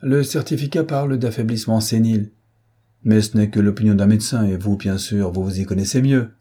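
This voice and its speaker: A man's voice: fairly low pitch, a little fast, mellow, breathy edge. A man reading an audiobook who voices a blustering, indignant middle-aged man with a mocking, rising delivery. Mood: sneering.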